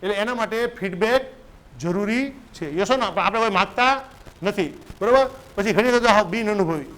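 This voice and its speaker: A man's voice: high-pitched, normal speed, a bit bright, poor audio. A man, giving a business coach's lecture and often asking his listeners "right?". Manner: conversational, keeps asking "right?" to check in.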